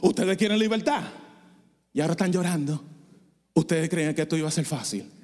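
A male pastor preaching a sermon, swinging from hushed asides to loud bursts and slipping into English phrases. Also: fairly high pitch, in a large hall. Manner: code-switches with bursts of English. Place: church sanctuary.

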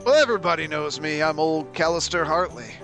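A man's voice: fairly high pitch, expressive, fairly quick, fairly bright tone, soft background music. A man voicing an easygoing, welcoming old tavern keeper in a tabletop role-play.

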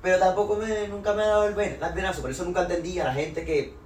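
A man's voice: sits high, fairly even intonation, fast, far from the mic. A young man rambling loosely in casual slangy chat. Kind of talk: casual debate. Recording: roomy, off-mic with background noise.

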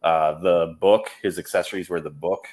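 A man with a fairly low voice chats loosely on a nerdy podcast. He rambles through fillers and restarts, laughing as he goes. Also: steady tone, moderate pace, darkish tone. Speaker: podcast co-host. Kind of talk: casual chat.

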